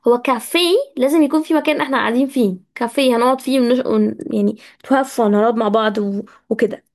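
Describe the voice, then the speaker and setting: A woman with an Egyptian Arabic accent teaching English words in a casual live lesson, chatty and talking straight to her students, drawing out words slowly to drill their pronunciation. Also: high-pitched. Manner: chatty, addresses students directly.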